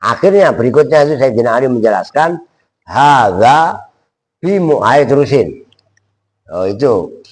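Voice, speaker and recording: A man, a kyai teaching Arabic grammar in a pesantren classroom, chanting Arabic phrases slowly and checking that his students follow. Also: mid-range voice, very animated, breathy edge, rough recording. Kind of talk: classroom kitab lesson.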